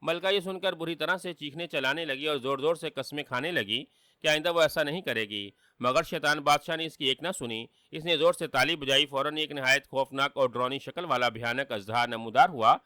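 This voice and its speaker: A man's voice: on the high side, pushed and bright, dry recording, clean studio sound. A man narrating a fantasy tale in a dramatic, vivid storytelling manner.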